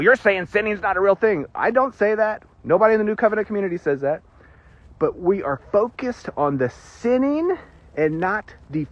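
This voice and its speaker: Male preacher, high and lively, husky, casual teaching tone with jokes, dull lo-fi recording. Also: no room sound. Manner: animated, joking asides, emphatic pauses. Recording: dull lo-fi sound.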